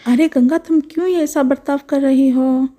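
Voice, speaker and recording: A woman doing a loud, brave young village woman. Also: high-pitched, steady tone, normal speed, natural voice. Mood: puzzled. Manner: loud, exclaiming.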